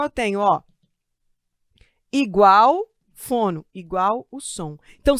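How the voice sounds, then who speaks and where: A Brazilian woman teaches Portuguese grammar in a live online exam-prep class from a studio with a desk of computers. Lively and chatty, she makes jokes at her own expense and slowly stretches out key words for emphasis. Her pitch is fairly high, and the studio-quality audio has no room sound.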